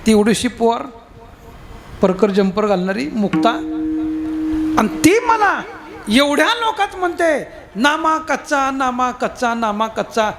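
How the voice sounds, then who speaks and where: Man doing a hot-headed saint, exasperated, high and animated. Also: a little slow, long pauses, crowd noise, full character voice. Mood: aggrieved. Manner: exasperated, protesting. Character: indignant grown man saint, quick-tempered.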